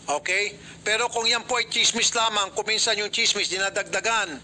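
A man's voice: high-pitched, fairly even intonation, normal speed, pushed and bright, a little hiss or hum. A middle-aged man hosting a mediation, firm and lecturing, often cutting in to question both sides. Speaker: host mediating a complaint. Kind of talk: public affairs radio mediation.

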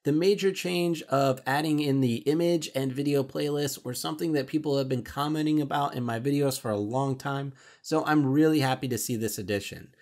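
A man hosting a software tutorial, explaining each step clearly and casually. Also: mid-range voice, brisk, hardly any pauses. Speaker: tutorial host. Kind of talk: screen-recorded software tutorial.

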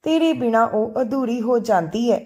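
A woman's voice: a little high, animated, normal speed, dark tone. A woman voicing a middle-aged mother who is firm and worried about her daughter's marriage, in a told storybook.

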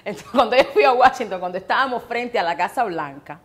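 A Cuban woman with a Cuban accent, talking as an interview guest, animated, laughing often and acting out scenes as she tells them. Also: fairly high pitch, quick pace. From Cuba. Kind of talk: lively casual interview.

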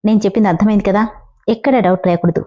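A woman voicing a confident, scheming young man who talks in a calm, teasing way. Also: medium pitch, rapid-fire, muffled recording, close to an everyday voice. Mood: cocky. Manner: calm, teasing, self-assured.

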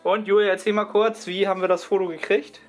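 Excited young man vlogging, high voice. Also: fast talker. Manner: excited, chatty storytelling. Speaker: fitness vlogger. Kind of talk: casual vlog chat. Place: small apartment room, indoors.

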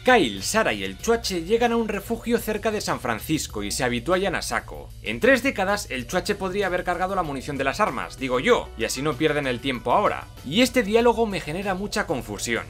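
Guy from spain w/ castilian accent roasting a movie, sarcastic n sweary, animated, bit high voice. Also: brisk, hardly any pauses, faint music behind. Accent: Castilian Spanish. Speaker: film review narrator. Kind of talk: comedic scripted film commentary.

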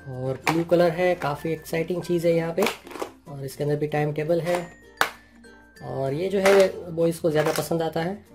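Going item by item through an unboxing, a man with a slightly high voice explains each product in simple Hindi at a normal speed, leaning heavily on "jo hai." He reviews at an indoor table while music sounds clearly beneath his voice.

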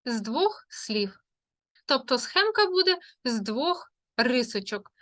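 A woman teaching young children, taking her time and drawing out each sound. Her voice is bright and a little high. She slips into a sing-song lilt for short rhymes. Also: very animated. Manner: sing-song rhyming greetings, drawn-out sounds and syllables. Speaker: primary school teacher. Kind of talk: slow, careful literacy lesson for young children.

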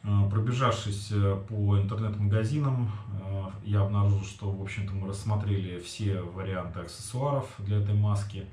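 A man's voice: lowish voice, fairly even intonation, normal speed, hardly any pauses, mellow. A man in his forties giving a casual, matter-of-fact product review, explaining things somewhat hesitantly. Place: small home kitchen, indoors. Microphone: camera across the table. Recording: roomy echo, distant mic, faint noise.

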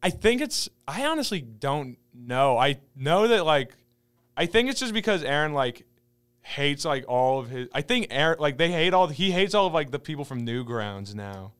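A young man co-hosting a casual podcast, animated and jokey, breaking into mock voices. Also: a little high, moderate pace, clean tone. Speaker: podcast co-host. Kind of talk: casual chat.

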